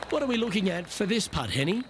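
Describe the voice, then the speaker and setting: A man playing a measured, courteous golf play-by-play announcer in a video game. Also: high voice, big pitch swings, background noise. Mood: measured commentary. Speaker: golf commentator.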